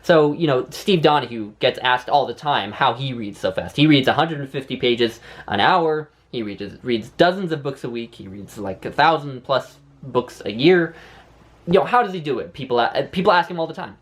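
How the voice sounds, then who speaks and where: A man's voice: medium pitch, lively intonation, moderate pace. A man talking casually and reflectively in a vlog, with a lisp and whistling s sounds, often rambling and correcting himself. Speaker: book vlogger. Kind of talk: casual reflective talk to camera.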